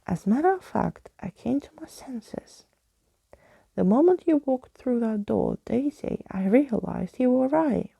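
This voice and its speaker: Woman voicing a gallant, gravelly skeleton, Skeleton Keys. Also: on the high side, lively intonation, a little slow, dark tone, no room sound, voice pushed up, exaggerated voice. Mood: lively. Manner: florid, old-fashioned wording. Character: chatty, gallant old skeleton adventurer with key fingers.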